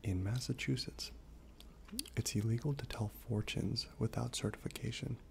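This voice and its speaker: A man speaking in a soft, breathy half-whisper, gently reading trivia aloud in an ASMR style while chewing gum. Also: mid-range voice, normal speed, a little hiss or hum. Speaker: ASMR host.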